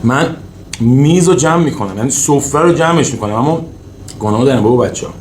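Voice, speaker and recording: A man's voice: medium pitch, expressive, a little mellow. Iranian man mukbang eating in echoey room. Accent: Iranian Persian. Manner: eating while talking, with savoring hums. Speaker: mukbang host. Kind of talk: casual mukbang eating chat to viewers. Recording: roomy echo, faint noise, clinking dishes.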